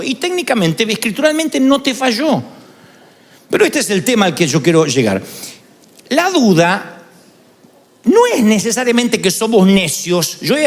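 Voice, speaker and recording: A man preaching a sermon as pastor, lively and dramatic, acting out the voices of people he quotes. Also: extremely high pitch, in a large hall.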